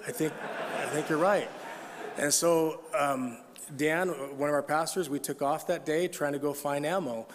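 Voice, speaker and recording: Middle-aged male preacher, humorous storyteller, higher register, big reverberant hall. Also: steady tone, unhurried. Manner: storytelling with humor, chuckling, scripture reading. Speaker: conference speaker. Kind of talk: sermon.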